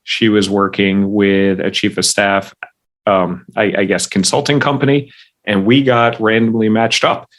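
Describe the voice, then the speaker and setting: A man hosting a podcast interview, asking questions in a friendly, halting way with frequent restarts. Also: fairly low pitch, steady tone. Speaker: podcast host. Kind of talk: casual interview conversation.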